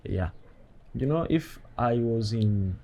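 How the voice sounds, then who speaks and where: A young man from eastern Congo speaking in a documentary interview, halting and searching for words. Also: mid-range voice, animated, mellow. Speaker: refugee interviewee.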